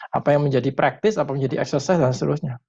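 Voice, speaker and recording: A man, a parenting educator, answering a question in a webinar consultation, thoughtful and pausing often with fillers, mixing in English terms. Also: mid-range voice, fairly even intonation, creaky, darkish tone, dull audio, slight background noise. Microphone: video call.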